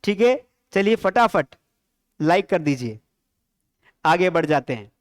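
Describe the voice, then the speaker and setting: A man with a high voice gives a live-streamed English lesson from a close mic, and the sound is dry and dead. He drills everyday sentences and asks his students the same questions again and again. He slows right down on each English phrase. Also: very animated, dry recording. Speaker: spoken English teacher.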